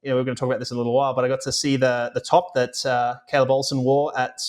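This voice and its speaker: A man's voice: mid-range voice, flat delivery, rapid-fire, darkish tone. A man co-hosting and producing a podcast, chatting casually and telling rambling stories with many fillers. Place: remote, recording away from home.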